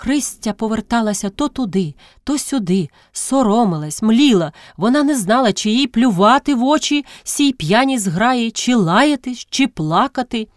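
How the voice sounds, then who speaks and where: A woman narrating an audiobook of classic prose with steady, expressive reading. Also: fairly high pitch, normal speed, hardly any pauses, no echo, clean studio sound.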